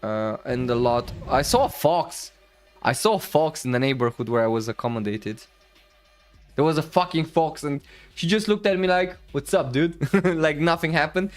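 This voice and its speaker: A young Balkan man hosts a stream, chatting casually over vlog footage in a fairly high voice at normal speed. He rambles with plenty of fillers and laughs easily, with soft music playing behind him.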